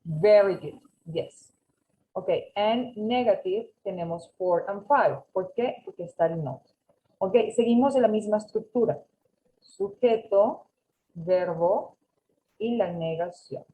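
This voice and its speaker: A woman's voice: mid-range voice, slow, phone-quality sound, a little hiss or hum. A woman teaching an English class over a video call, patiently correcting students and mixing with English. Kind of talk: online class instruction.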